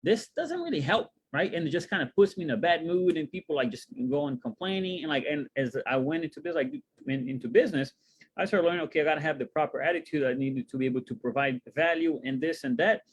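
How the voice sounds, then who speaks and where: A man from Brazil talking casually as co-host of a webinar, animated and full of fillers, asking rhetorical questions. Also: a little high, fast, breathy edge. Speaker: co-host, wealth coach.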